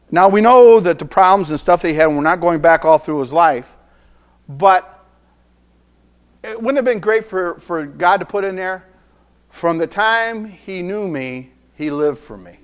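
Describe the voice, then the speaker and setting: In a church, a middle-aged man with a slightly high voice preaches an earnest sermon. He often repeats phrases and swings between soft and emphatic lines.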